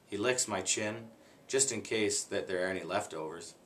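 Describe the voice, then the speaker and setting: Low-voiced man reading a children's book. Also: fairly bright tone, slight background noise. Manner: unhurried, plain reading, stops to redo slips. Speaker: guest reader.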